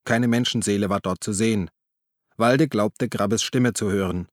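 Man narrating audiobook, low voice, calm, very dry close mic. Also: normal speed, no echo. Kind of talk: scripted narration.

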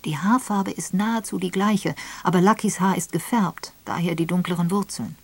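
A woman reader voicing an elderly spinster sleuth who speaks clearly and with authority. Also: on the low side, no room sound. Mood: firm. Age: older. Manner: clear, firm, measured.

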